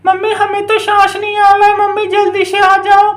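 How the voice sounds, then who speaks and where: A woman's voice: very high-pitched, completely flat delivery, moderate pace, echoey room. A woman voicing frightened small children who plead with their mother in a doll play story. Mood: whining. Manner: whining, pleading.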